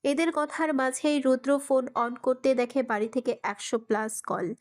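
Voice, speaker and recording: A woman with a fairly high voice reads a romance story aloud. She narrates in a steady, even manner.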